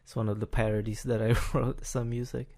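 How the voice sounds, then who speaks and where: Man, podcast host, gravelly, halting, lots of fillers, casual chat. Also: medium pitch, level tone, a little mellow. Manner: hesitant, restarts often with fillers, chuckles while talking.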